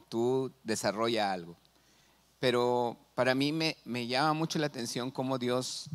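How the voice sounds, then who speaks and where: A middle-aged man with a Mexican Spanish accent, preaching a sermon as pastor and asking the congregation questions. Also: mid-range voice. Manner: animated, asks the congregation questions.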